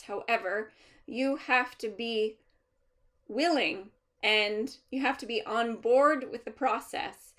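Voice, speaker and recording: A woman speaking as a trance medium, channeling a collective of master healer spirits in a deliberate, formal, instructive manner with pauses. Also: fairly high pitch, fairly bright tone. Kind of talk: seance medium channeling, unscripted spiritual teaching.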